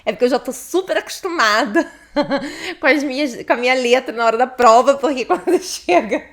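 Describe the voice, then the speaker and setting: A young woman teaching an online test-prep lesson, animated and chatty, often laughing and speaking directly to her viewers. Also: high voice, moderate pace.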